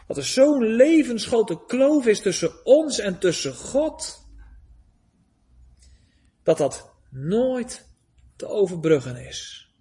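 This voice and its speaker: A man preaching a sermon, solemn and pleading, with long pauses and rising emphasis. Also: high-pitched, very animated, warm tone.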